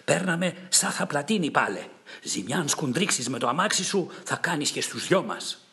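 A man voicing an angry king who shouts and scolds from his chariot in an epic poem reading. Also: medium pitch, gravelly, voice pushed up. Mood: alarmed.

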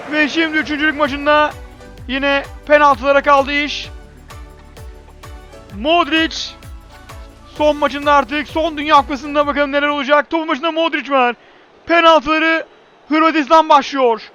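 A man giving live football commentary in clipped phrases, repeating player names emphatically and shouting excitedly at key moments. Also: very high-pitched, highs cut off.

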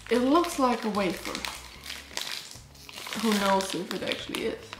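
With lively intonation and an unhurried, medium-pitched voice, a young German food vlogger, congested from allergies, rambles through a snack tasting full of "like" and "um." The audio is poor and reverberant, with music playing under her. She sits in a small cottage room, framed closely by a camera in front.

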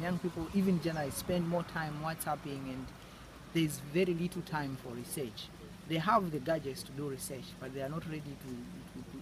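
An earnest man in his thirties answers interview questions out in a banana field. His voice sits on the high side, and he often repeats a word as he builds a point. Clear outdoor noise runs behind him. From Zambia. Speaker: agricultural journalist.

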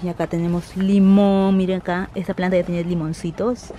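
A woman's voice: fairly low pitch, flat delivery, normal speed, mellow, slight background noise, low-quality recording. A woman chatting casually to her viewers while showing her plants and doing house chores. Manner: chatty, addresses viewers as "chicos". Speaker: vlogger. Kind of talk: casual vlog chat. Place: at home, house and garden.

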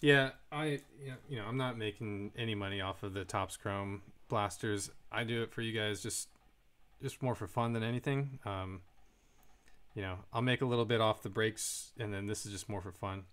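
A man's voice: lowish voice, normal speed, fairly bright tone. Man calling out pulled cards. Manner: reads out card names, chats with viewers. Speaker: card break host. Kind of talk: casual live card-break commentary.

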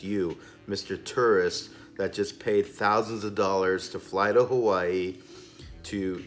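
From a small storage room full of stacked boxes, a cigar review host in his forties launches into an opinionated, casual vlog rant. His voice is lowish, and he's emphatic and indignant, waving his hands broadly.

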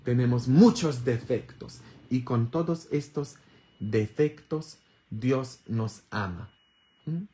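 Slow, bantering priest. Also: male voice, medium pitch. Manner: bantering, earthy humor, constant tag questions; sudden loud emphatic bursts. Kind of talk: informal sermon.

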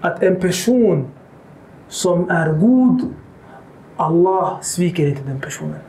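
Male lecturer, high voice, animated, quotes in arabic, echoey hall. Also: a little hiss or hum. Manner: animated, acts out quoted dialogue; mixes Arabic quotations into Swedish. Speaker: Islamic lecturer. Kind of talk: lecture on the life of the Prophet.

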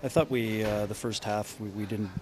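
A middle-aged man, a head coach, answering reporters after a game in a measured way, often restarting his sentences. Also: fairly low pitch, steady tone, noisy background. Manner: measured, frequent restarts and repeated words. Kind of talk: postgame press conference. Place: indoor media room before a sponsor backdrop. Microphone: cluster of handheld reporter mics.

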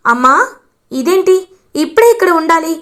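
A woman's voice: extremely high pitch, lively intonation, normal speed, a bit bright, voice pushed up. A woman voicing a cheeky young boy who answers bluntly. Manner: blunt, matter-of-fact replies.

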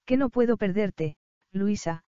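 In an audiobook, a woman voices a tender young prince who speaks low, earnest, and pleading in a hush, at a measured pace. Her natural voice is warm and smooth, with no echo, and the recording sounds dull and lo-fi.

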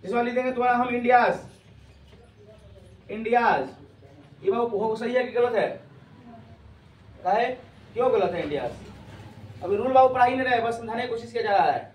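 A man teaching English grammar to a class, calling students "babu" and quizzing them loudly. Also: extremely high pitch, normal speed, pauses often, lo-fi sound, a little hiss or hum. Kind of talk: classroom lecture. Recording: echoey classroom from far off.

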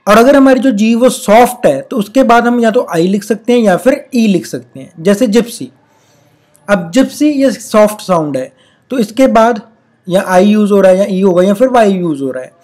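A teacher explains spelling rules in a patient classroom manner. The English rules are read out slowly and deliberately, with each example word spoken carefully, often twice. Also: mid-range voice, expressive, darkish tone. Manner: repeats example words in pairs, patient explaining tone. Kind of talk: recorded classroom-style lesson.

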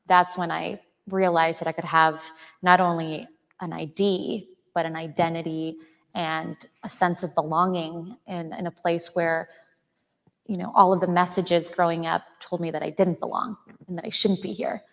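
A woman's voice: fairly low pitch, flat delivery, moderate pace, gravelly, fairly bright tone. A woman in her thirties, originally from Chile, speaking earnestly as an author guest in an onstage interview before an audience. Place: auditorium stage before an audience. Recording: hall with long reverb.

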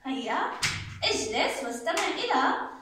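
A woman's voice: high voice, very animated, a little slow, background noise. A young woman teaching young children to count, in a sing-song, coaxing way. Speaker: kindergarten teacher. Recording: roomy echo.

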